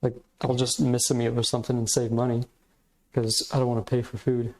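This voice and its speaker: A man's voice: mid-range voice, level tone, fairly quick, a little mellow, low-quality recording. A man hosting a podcast, giving casual, reflective commentary in hesitant, meandering phrasing. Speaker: podcast host.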